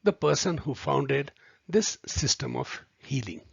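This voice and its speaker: A man teaching a video lesson, speaking deliberately and addressing viewers as friends. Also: medium pitch, animated, gravelly, husky, no echo. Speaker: homeopathy tutor. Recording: dry, slightly muffled recording.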